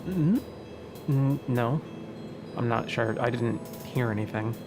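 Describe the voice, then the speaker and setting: A man's voice: medium pitch, slow pace. A man playing a game and commentating casually, muttering to himself and swearing now and then. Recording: loud game music behind.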